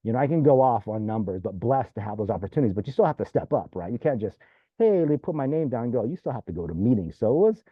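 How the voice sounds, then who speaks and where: A man's voice: lowish voice, dry recording. A man who is a former mayor, telling stories casually and rambling, with "you know" and "right?" scattered through his talk. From California. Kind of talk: casual storytelling. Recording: dry tinny phone-like line.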